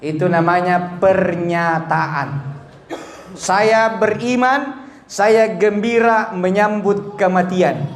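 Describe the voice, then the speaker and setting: A man preaching a humorous condolence sermon with a Bugis-Makassar accent, joking and quizzing his audience directly. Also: high voice. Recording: echoey room with faint background noise.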